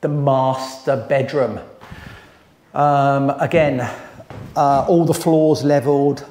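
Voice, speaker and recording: A man with a mid-range, darkish voice and fairly even intonation tours a gutted house as a renovation company site manager. His casual walkthrough is brisk and matter-of-fact, listing the work item by item. A wide-angle camera held by someone else picks him up from a few meters in the empty, bare plastered rooms.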